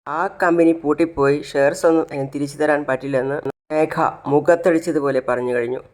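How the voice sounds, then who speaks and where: A man's voice: fairly high pitch, fairly even intonation, fairly quick, darkish tone, lightly acted. A man voicing a humiliated, tearful aging father in a recapped serial, speaking mournfully. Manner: mournful, self-pitying.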